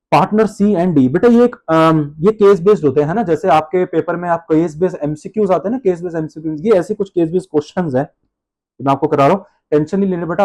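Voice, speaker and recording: A man's voice: a little high, darkish tone. A male accounts teacher giving a classroom-style lecture, calling the students "beta" and answering his own questions.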